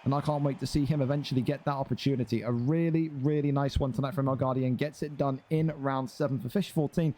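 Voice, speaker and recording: A man delivers live, chatty commentary on an online boxing league, hyping up the fighters and tossing teasing asides to the chat. His mid-range, mellow voice stays steady as he talks fast with few pauses.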